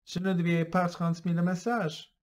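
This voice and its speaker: A man's voice: high-pitched, level tone, normal speed, pitched above the performer's own voice, lightly acted. A man voicing an angry, spiteful man in a storybook, who speaks in a raised, accusing voice.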